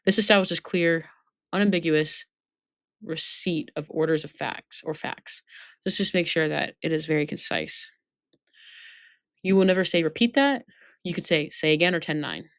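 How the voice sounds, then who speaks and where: A woman instructor with a deep voice leads an informal training lesson, reading out points and explaining them. She speaks at a moderate pace with long pauses, often using tag questions to check that listeners follow. There's no room sound.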